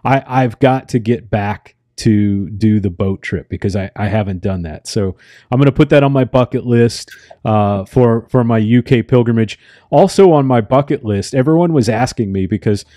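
An American man hosts a podcast conversation in a warm, rather low voice. He talks in an unhurried, reflective way, often pausing to find the right word. The sound is dry and close. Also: no room sound. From United States. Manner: unhurried, reflective, searching for words. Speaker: podcast host. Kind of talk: casual interview conversation.

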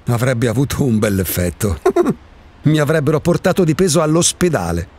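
Playing a disillusioned, eccentric hermit in a radio drama, the actor poses theatrical rhetorical questions as the character philosophizes wryly. The voice is husky and mid-range, a little mellow, moving at a moderate pace with big pitch swings.

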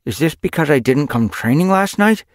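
A man's voice: a little high, animated, normal speed, no echo, clean studio sound, voice pushed up, close to an everyday voice. A man voicing an eager, earnest young male warrior cat in an audiobook.

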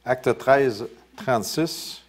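A male pastor with a Quebec French accent preaching a sermon, reading scripture aloud and commenting in quieter, casual asides. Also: mid-range voice, very slow. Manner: lively preaching, rising loud on scripture then dropping to quiet asides.

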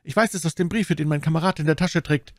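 A man doing a terrified, high-pitched pleading soldier. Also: fast, no echo, studio quality, lightly acted. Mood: frightened pleading. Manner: pleading, panicky. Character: wounded cowardly male soldier, begging.

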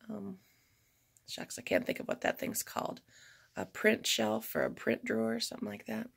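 A woman with a raspy voice chatting casually as she shows her home craft room, self-deprecating and easygoing. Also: medium pitch. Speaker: crafter giving a room tour. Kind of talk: casual home tour narration.

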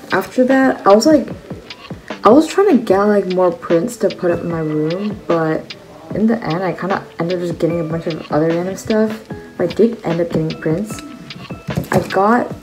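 A teenage girl from China, a vlogger, chats casually about her merch haul at a table in her bedroom, using lots of "likes" and fillers. Her voice is fairly low, and the low-quality recording comes from a close-range phone camera, with background music playing.

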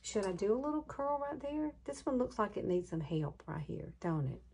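Warm, slightly rough and a bit creaky, this mid-range female voice has a sing-song lilt at a normal pace. She's an Alabama beauty vlogger in her late fifties whose Southern drawl carries a casual hair tutorial full of gushing, folksy chatter and laughter.

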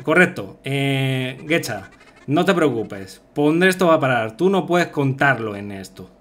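A man streams a game live, translating its text as he goes in a loose, rambling style packed with fillers. His medium-pitched voice is expressive and slightly bright, and he keeps a measured pace. Music plays in the background.

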